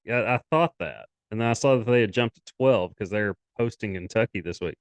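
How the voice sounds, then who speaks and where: A man's voice: on the low side, fairly quick, dry recording. A young man co-hosting a sports podcast, chatting casually and rambling through his takes. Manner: rambling, animated, quotes others in put-on voices.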